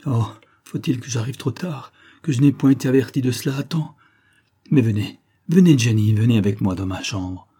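A man's voice: fairly low pitch, moderate pace, warm tone, breathy edge. A man voicing a frantic, grieving young woman who bitterly accuses and pleads. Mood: anguished.

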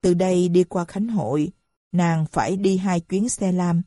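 A woman narrating a novel steadily, pausing now and then to read explanatory notes. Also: lowish voice, no room sound, studio quality. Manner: steady reading with added footnotes. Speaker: audiobook narrator. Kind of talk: storytelling narration.

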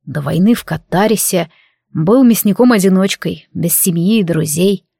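A woman voicing a brooding, gruff male warrior who speaks in a dry, mocking way, in an audiobook. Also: lowish voice, normal speed, dark tone, dry recording. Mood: wistful, flat.

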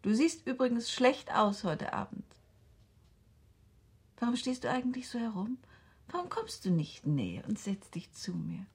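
A lonely middle-aged woman speaks softly in a 1960s radio drama. Her voice is breathy and husky and often falls to a whisper. She sounds gentle and a little uneasy. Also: on the high side, fairly even intonation, normal speed, long pauses. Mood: tender uneasy. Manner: soft and gentle.

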